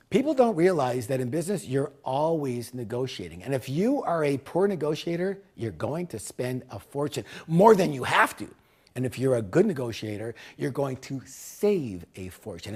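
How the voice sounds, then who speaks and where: A man pitching a business course as a seminar speaker, emphatic and salesman-like, repeating key words for punch. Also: big pitch swings, moderate pace, a little mellow, breathy edge.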